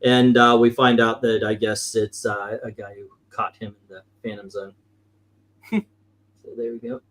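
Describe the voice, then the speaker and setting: A comic book collector hosts a casual show-and-tell about vintage comics, rambling along and occasionally swearing. His lowish, slightly bright voice is flat and unhurried.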